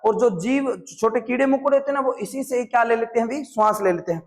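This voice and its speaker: A man's voice: very high-pitched, fast. A man with a Rajasthani accent teaching a classroom biology lesson, often quizzing his students and drilling terms by repetition. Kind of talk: classroom lecture.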